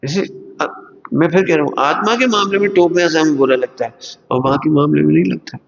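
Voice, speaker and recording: A man giving a religious discourse to students, animated and asking his listeners one rhetorical question after another, sometimes acting out other people's voices. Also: fairly high pitch, a little fast, creaky. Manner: acts out everyday quarrels in other voices. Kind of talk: Hindi sermon to students. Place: large lecture hall at a school. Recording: long hall reverb, dull lo-fi sound.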